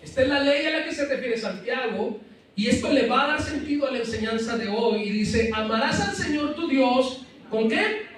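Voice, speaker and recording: Echoey high-voiced male pastor preaching. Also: animated, moderate pace, fairly bright tone. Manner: preaches with frequent questions to the congregation, playful asides. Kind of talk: sermon. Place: church sanctuary. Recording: very echoey church hall, mic at a distance.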